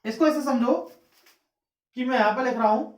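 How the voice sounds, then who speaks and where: During a class lecture, a teacher with an extremely high voice speaks at normal speed, asking a question himself and then repeating the key word as the answer. He's recorded with a distant mic in an echoey room.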